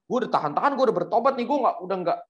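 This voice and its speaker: Brash hot-tempered street thug, put on by a preacher, raised and taunting, slightly muffled recording. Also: male voice, high-pitched, expressive, very fast, voice pushed up. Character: hot-tempered male thug, quick to violence.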